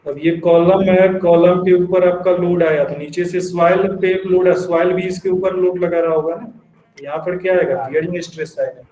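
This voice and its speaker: High-voiced man teaching in an echoey classroom. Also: fairly even intonation, warm tone, highs cut off. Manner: asks the class questions and answers them himself; dictates definitions slowly in English. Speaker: engineering teacher. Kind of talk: classroom lecture. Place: classroom with students. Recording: echoey classroom recording with faint ambience.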